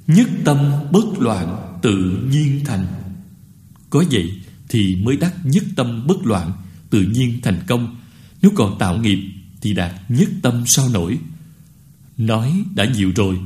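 A man giving a Buddhist dharma talk to a retreat, earnest and admonishing, slowly chanting short verses. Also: fairly low pitch, darkish tone. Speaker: Buddhist teacher.

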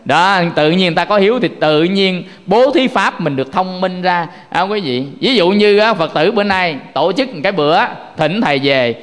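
A man's voice: sits high, expressive, moderate pace, few pauses. A man giving a folksy Buddhist sermon, talking conversationally and constantly addressing his listeners directly. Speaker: Buddhist monk preacher. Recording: long hall reverb.

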